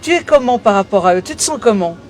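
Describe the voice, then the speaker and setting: Aboard a sailing boat docked in port, a female interviewer speaks quickly and expressively in a mid-range, somewhat dark voice. The on-location recording carries noticeable background noise.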